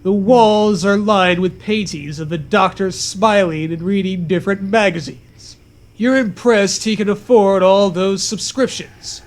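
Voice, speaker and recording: A man reads a silly story aloud at an unhurried pace. His voice is fairly high, and he adds dry, mock-earnest jokes between the lines. It has the feel of easy comic banter. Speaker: co-host reading a story aloud. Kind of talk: comedic story reading with banter.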